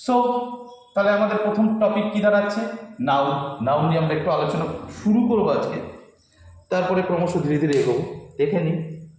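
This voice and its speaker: A man leads a grammar lesson in a reassuring, repetitive way, drilling each term and checking in with his listeners. His voice sits a little high for a man. The recording is heavily echoey, as if made in a bare room. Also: darkish tone. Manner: repetitive, reassuring, quizzes listeners with quick questions; writes on and wipes a board while teaching. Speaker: English teacher. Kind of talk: classroom lesson.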